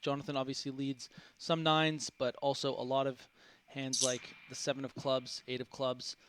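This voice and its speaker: A man giving measured, explanatory analysis of a poker match, with frequent ums. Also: medium pitch, level tone, a bit bright, a little hiss or hum. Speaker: analyst commentator.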